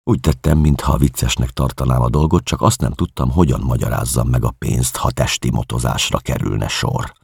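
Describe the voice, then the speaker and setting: A man reading a novel aloud as an audiobook, in a measured, calm first-person voice. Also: extremely low pitch, gravelly, breathy edge, dry recording, clean studio sound. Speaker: audiobook narrator.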